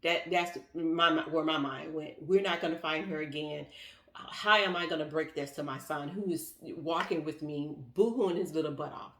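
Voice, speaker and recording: A woman vlogger telling a personal story in a casual, animated way, acting out what others said. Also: deep voice, normal speed, far from the mic. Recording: echoey room, voice off-mic.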